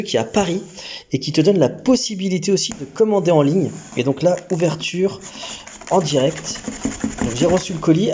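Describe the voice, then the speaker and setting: A man's voice: a little high, dark tone, highs cut off, slight background noise. A man hosting a casual unboxing vlog at home, chatty and slangy, often stumbling and restarting his sentences. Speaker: aquarium hobby YouTuber. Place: home living room.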